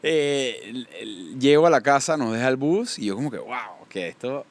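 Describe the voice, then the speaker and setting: A man's voice: medium pitch, lively intonation, normal speed. A young Panamanian man speaking with a Panamanian accent, a guest telling his life story in a casual podcast interview. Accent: Panamanian Spanish. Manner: storytelling, warm and faith-focused.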